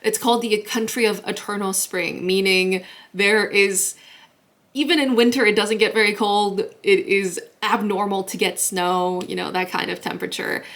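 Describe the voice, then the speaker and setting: A woman's voice: medium pitch, fairly even intonation, moderate pace, a bit bright. A young woman vlogger from Guatemala chatting to camera in a bubbly way, laughing often as she talks. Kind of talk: casual chat to camera.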